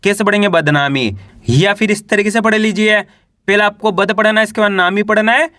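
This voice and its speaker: High bright man teaching Hindi reading. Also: no echo, studio quality. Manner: slow syllable-by-syllable spelling with drawn-out vowels; repeats "how will we read it?" drills. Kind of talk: online reading lesson.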